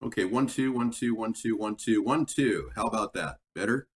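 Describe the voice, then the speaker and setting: A man's voice: lowish voice, animated, moderate pace, far from the mic. A man hosting a casual cooking livestream, rambling and chatting with viewers, his voice sounding tinny like a tin can through a built-in computer mic in a home kitchen. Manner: rambling, chatty, talks to chat while cooking. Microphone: built-in gaming laptop mic. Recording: tinny laptop mic, set back, faint noise.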